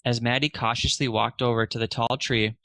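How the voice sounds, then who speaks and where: A narrator reads a children's storybook in a bright, forward mid-range voice, going a little fast and lifting expressively for the characters' lines. The recording is dry, with almost no room sound around him.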